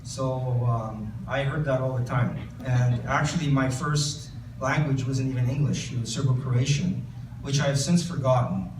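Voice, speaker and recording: At a bookstore event, a Canadian man who wrote a book reads a passage and then responds to the audience's questions, stumbling into fillers and restarts many times. He speaks at medium pitch and a moderate pace. The audio sounds roomy and far off, with noise in the background.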